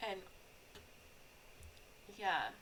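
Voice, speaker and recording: A woman's voice: very slow, pushed and bright, slight background noise, poor audio. A young adult woman streamer chatting casually while playing a game, rambling with lots of fillers and restarts.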